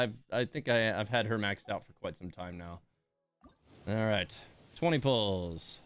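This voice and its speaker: A man hosts a game livestream, chatting casually with wry, mildly grumbling informality as he plays. His mid-range voice is clear and resonant, with no room sound.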